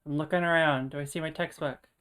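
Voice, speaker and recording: A woman with a low, deep-set voice plays in a tabletop game. She talks in a matter-of-fact way and keeps the group moving. Her tone is casual. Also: fairly even intonation, fast, a bit bright, smooth. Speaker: player.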